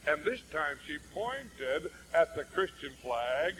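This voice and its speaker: Folksy, animated evangelist man. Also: on the high side, takes it slowly, background noise. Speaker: traveling evangelist. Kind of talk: storytelling sermon.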